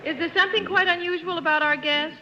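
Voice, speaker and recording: A woman's voice: extremely high pitch, steady tone, quick pace, heavy background noise. A woman on a panel game show in a 1950s TV broadcast, asking questions hesitantly with many fillers and a playful tone. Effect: 1950s TV broadcast sound. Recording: dull echoey 1950s TV broadcast.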